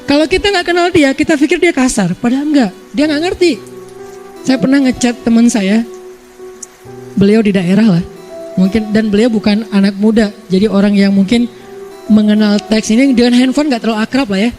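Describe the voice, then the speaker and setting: High-voiced Indonesian preacher, chatty. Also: male voice, a little fast, a little mellow, soft background music. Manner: chatty and playful, acting out examples. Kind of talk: casual religious lecture.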